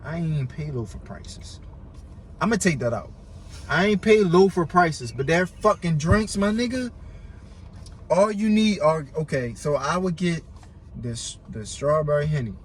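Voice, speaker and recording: With slight background noise, an American man speaks in a fairly high, expressive voice at a measured pace. As a casual podcast guest he stutters, repeating words and syllables, swears and slings slang freely, and emphatically repeats himself.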